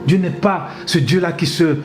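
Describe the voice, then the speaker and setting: A man's voice: fairly high pitch, normal speed. A man in his fifties, a pastor, giving an emphatic, repetitive sermon full of amens and hallelujahs. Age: 50s. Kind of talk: exhorting sermon talk with his wife. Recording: music playing underneath.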